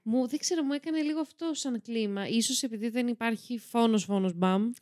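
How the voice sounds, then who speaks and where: Expressive woman, dry close mic. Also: fairly high pitch, no room sound. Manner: expressive, quick reactions, lots of agreeing fillers. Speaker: podcast co-host. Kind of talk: casual podcast chat.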